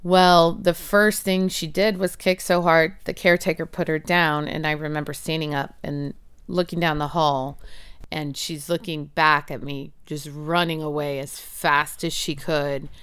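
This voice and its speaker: Woman, 40s, heartfelt personal storyteller; lowish, smooth voice, dry close sound. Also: little pitch movement, unhurried, a bit bright, no room sound. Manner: earnest, emotional, acts out quoted voices. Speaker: interviewee, mother.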